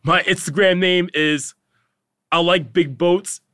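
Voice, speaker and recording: A man's voice: sits high, steady tone, slow, a bit bright, no room sound, studio quality. A young man in his twenties, a podcast guest in casual chat, earnest and upbeat with many fillers.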